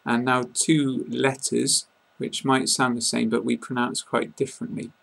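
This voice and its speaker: A British-accented man teaches English pronunciation, saying words one at a time and repeating them with care. His voice is gravelly and a little husky, and his pitch stays flat and even. He speaks slowly, like a patient tutor. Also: poor audio. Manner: slow, deliberate word-by-word pronunciation. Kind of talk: pronunciation lesson.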